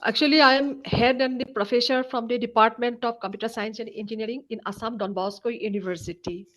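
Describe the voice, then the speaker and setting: Woman department head, higher pitch, formal list-like introduction over a video call. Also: fairly even intonation, quick pace, a bit bright. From India. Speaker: computer science professor, head of department.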